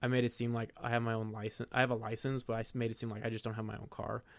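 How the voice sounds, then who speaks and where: A young man, the podcast's host, telling a self-deprecating, profane story in a casual, animated way. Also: mid-range voice, racing, creaky, dry recording.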